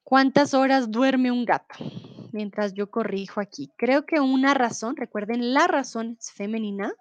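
A woman's voice: on the high side, moderate pace, no room sound, highs cut off. A woman teaching Spanish in a live online class. She explains grammar patiently, reads out comments from the chat and slips into English to clarify.

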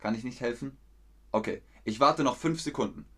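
A man teaching German in a live lesson, answering viewers' chat questions slowly and clearly with encouragement. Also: medium pitch, a bit bright. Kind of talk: live-streamed language lesson.

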